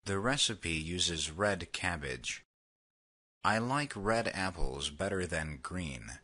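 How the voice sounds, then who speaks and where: Slow husky deep male reader. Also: lively intonation, sharp tone. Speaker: vocabulary lesson reader. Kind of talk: slow read example sentences.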